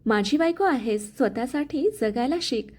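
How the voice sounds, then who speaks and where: A woman voicing a kind, protective young husband in a spoken family story, talking calmly and gently. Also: on the high side, moderate pace. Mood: calm tender. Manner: calm, gentle.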